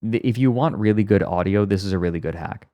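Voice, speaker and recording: A man's voice: on the low side, quick pace, mellow, no room sound. A man streaming and chatting casually as he reacts to a video, rambling and explaining with wry asides, his voice muffled because he records under a blanket for sound deadening. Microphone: close mic inside a blanket fort.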